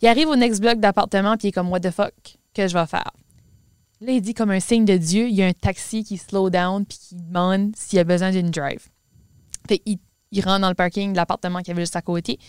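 Smooth-voiced Québécois woman telling a story. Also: medium pitch, fairly quick, no room sound, clean studio sound. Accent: Québécois French. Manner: mixes English words into French, animated storyteller. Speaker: podcast co-host. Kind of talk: casual storytelling chat.

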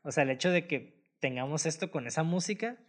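A man's voice: a little high, lively intonation, fairly quick. A man with a Mexican accent in a casual, slangy film review chat, co-hosting and talking in a laid-back way full of filler words. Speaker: podcast co-host.

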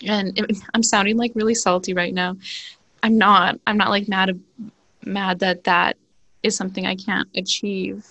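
A woman's voice: medium pitch, flat delivery, moderate pace, sharp tone. A young woman hosting a podcast in casual chat, talking loosely with lots of fillers and frequent laughter. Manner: chatty, laughs often, many "like" fillers. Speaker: podcast host.

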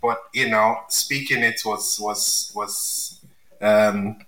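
A man from Nigeria, a podcast guest chatting casually and pausing often with "um". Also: fairly low pitch, steady tone, pushed and bright, echoey room, rough recording.

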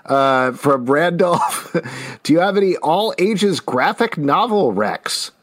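A man's voice: on the high side, expressive, takes it slowly. A middle-aged man hosting a show, reading out audience questions and chatting casually. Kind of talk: casual chat.

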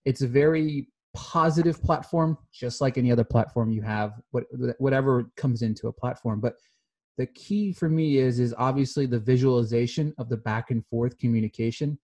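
A man's voice: medium pitch, normal speed, mellow. A man hosting a podcast, talking in a friendly, rambling way as he interviews a guest. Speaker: podcast host. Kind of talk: casual interview chat.

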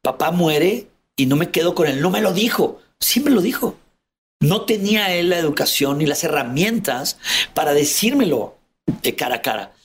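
A man's voice: fairly high pitch, moderate pace. A middle-aged Mexican man candidly telling his childhood story as an interview guest, vividly acting out how his family talked. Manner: animated, acts out family members' voices, calls host "amigo".

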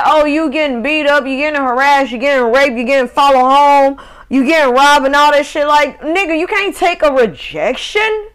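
A woman's voice: high-pitched, a bit bright. A woman, hosting a casual solo podcast rant that is profane and rambling, full of laughs and restarts. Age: 30s. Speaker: podcast host.

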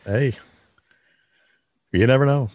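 A man's voice: mid-range voice, slow pace, darkish tone. A man co-hosting a podcast in casual chat, mostly chiming in with short reactions and agreements. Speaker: podcast co-host.

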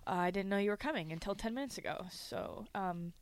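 A woman's voice: mid-range voice, expressive, brisk, dry recording. A woman hosting a sports radio show, teasing and bossing her guests around in casual banter from the studio. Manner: bossy, teasing, laughs often.

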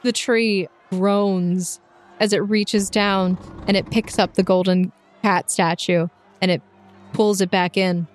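A woman running a tabletop game, improvising descriptive narration with pauses between phrases. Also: mid-range voice, steady tone. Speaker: game master. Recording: music behind the voice.

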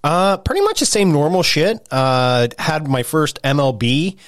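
A man's voice: on the high side, sing-song, unhurried, no echo, clean studio sound. Laid-back man in his forties podcasting. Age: 40s. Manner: laughs often, easygoing, swears. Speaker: podcast co-host. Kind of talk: casual crude banter.

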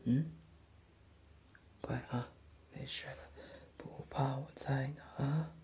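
A man voicing a gentle, doting older brother who comforts and teases softly in a whispered role-play. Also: medium pitch, steady tone, slow. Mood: soothing. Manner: soft, soothing, coaxing, lightly teasing. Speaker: older brother tending a sister's wound.

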